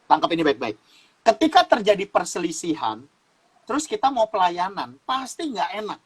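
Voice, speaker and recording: Husky man teaching with lively swings. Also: high-pitched, moderate pace, poor audio. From Sumatra, Indonesia. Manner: lively preacher-style explaining with laughs and repeated phrases. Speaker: guest youth speaker.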